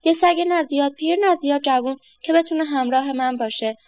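A woman's voice: sits high, dry recording, lightly acted. A woman doing a patient old professor. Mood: calm. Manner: calm, patient. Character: patient kind retired old man, professor.

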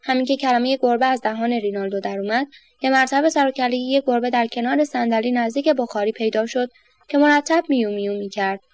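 Brief: woman storyteller, high voice, gentle children's narration, dry close mic. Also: fairly even intonation, no room sound.

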